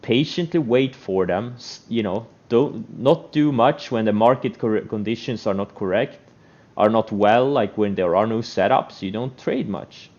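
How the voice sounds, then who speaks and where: A man's voice: lowish voice, measured pace, darkish tone. A man giving an unscripted motivational trading rant, speaking in a blunt, emphatic and repetitive way. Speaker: stock trader giving trading advice. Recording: dull, lo-fi microphone sound.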